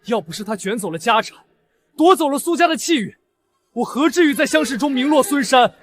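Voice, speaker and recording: A man's voice: very high voice, expressive, a little fast. A man playing a sneering young failed scholar. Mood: resentful. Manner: resentful, sneering. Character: bitter scheming young male failed scholar.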